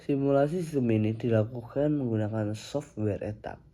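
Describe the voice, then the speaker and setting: A man's voice: medium pitch, normal speed, mellow. A young man, an engineering student, reading a recorded slide presentation steadily, with occasional slips and restarts. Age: young adult.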